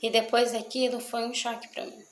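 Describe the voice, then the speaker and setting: A woman's voice: a little high, little pitch movement, a little fast, reverberant, a little hiss or hum, rough recording. A mother talking earnestly to an audience about raising children, repeating her phrases for emphasis. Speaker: mother speaking on parenting. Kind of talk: testimonial talk to an audience.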